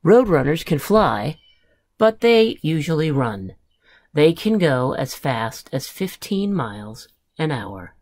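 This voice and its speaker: A woman school librarian reading a picture book aloud to children, in an expressive, unhurried way. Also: sits low, dry recording.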